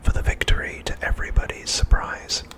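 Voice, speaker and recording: A man delivers an episode recap in a breathy whisper, fully unvoiced and hushed. He is an ASMR host with a deliberate delivery.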